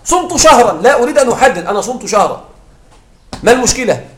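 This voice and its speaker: Guy teaching a grammar class, pretty high voice, keeps asking the students if they follow, roomy echo. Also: expressive, very fast, slight background noise. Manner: explains with repeated examples and checks understanding with questions. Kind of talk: classroom lecture. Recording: echoey classroom sound.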